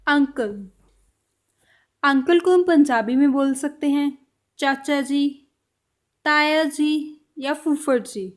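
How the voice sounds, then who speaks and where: A woman with a high voice teaches a language lesson. She speaks in an unhurried way and repeats every word slowly and carefully, as if for beginners. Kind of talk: slow vocabulary lesson.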